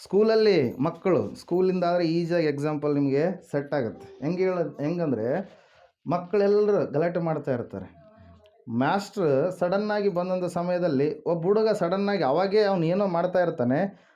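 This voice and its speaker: A man's voice: high-pitched, expressive, normal speed, dark tone, muffled recording. A man preaching a sermon who keeps asking the congregation questions, answering them himself and calling out hallelujah and praise the Lord. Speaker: pastor.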